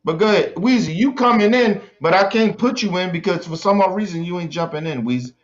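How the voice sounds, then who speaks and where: A man's voice: high voice, fairly quick. A man hosting a group voice chat. He calls on speakers and cuts in with questions. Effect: group voice chat audio. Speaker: host moderating an online group discussion. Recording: dull lo-fi voice-chat line.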